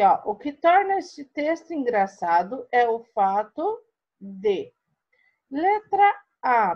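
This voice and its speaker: A Brazilian woman teaches primary school pupils in a recorded online lesson. She speaks slowly and expressively in a fairly high voice, often checking that her students are following. The recording sounds dull and lo-fi. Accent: Brazilian Portuguese.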